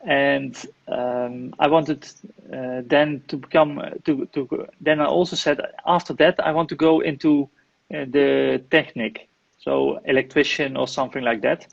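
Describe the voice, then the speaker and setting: The guest in this live online interview, held over a video call, is a Dutch IT manager and property investor from the Netherlands who speaks accented English, hesitantly, with many fillers and restarts. His medium-pitched voice is creaky and unhurried with little pitch movement, on dull audio.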